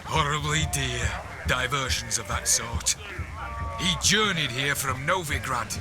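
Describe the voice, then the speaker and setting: A man's voice: mid-range voice, a little slow, natural voice. An actor playing a mild, long-suffering peasant husband and father in a video game, wry and placating. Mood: wry, soothing. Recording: music behind the voice.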